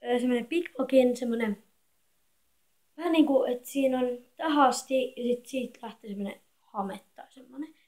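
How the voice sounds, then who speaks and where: A thirteen-year-old girl chatting quietly and rambling in a casual home vlog, filmed on a phone in an echoey bedroom. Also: on the high side. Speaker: vlogger. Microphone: phone camera.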